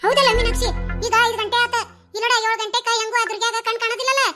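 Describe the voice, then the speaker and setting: A woman voicing several cartoon village women caught in a family quarrel, speaking with a North Karnataka Kannada accent in fast, chattering village talk. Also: fairly even intonation, soft background music. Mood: anxious. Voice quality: very high, bright and shrill. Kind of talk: cartoon dialogue acting.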